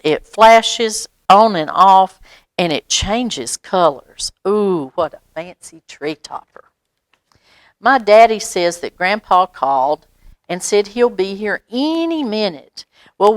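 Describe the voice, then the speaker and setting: An American woman at library storytime reads a children's picture book aloud, stretching words expressively and adding small explanatory asides for young listeners. Her medium-pitched voice is animated, slow and smooth, recorded dry.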